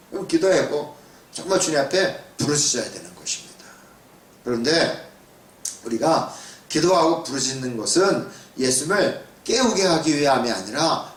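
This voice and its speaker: Man, pastor, conversational sermon, rhetorical questions, echoey room, mic at a distance. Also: on the high side. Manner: conversational preaching with rhetorical questions and acted-out quotes. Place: church sanctuary. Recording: roomy sound from a distance.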